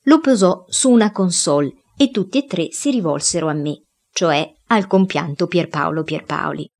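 A woman reading a boy's first-person diary story aloud, in a lively storytelling way. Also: fairly low pitch, normal speed. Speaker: reader.

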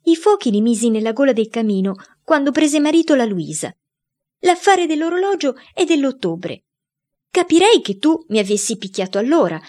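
A woman's voice: fairly high pitch, voice pushed up. A woman voicing a mischievous young boy who pleads and whines to excuse himself in a read-aloud story. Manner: whiny, pleading.

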